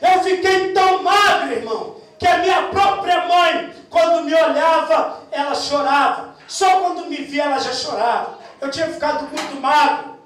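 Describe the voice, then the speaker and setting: A Brazilian man with a Brazilian Portuguese accent, a deacon, shouting his testimony fervently to the congregation in a sermon. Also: very high-pitched, moderate pace. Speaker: deacon preaching. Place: large echoing church. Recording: echoey church hall, far from the mic.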